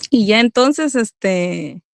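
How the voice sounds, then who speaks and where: A woman's voice: medium pitch, animated, extremely slow, creaky, no room sound, clean studio sound. A middle-aged woman giving an earnest religious testimony as a mother, speaking to her listeners as brothers.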